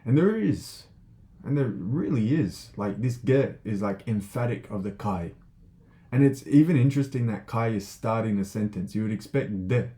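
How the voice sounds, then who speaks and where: A teacher with a low, mellow voice delivers a relaxed spoken lesson, thinking aloud, using plenty of fillers and repeatedly asking "right?" When he reads a passage, he slows down and pronounces each word carefully.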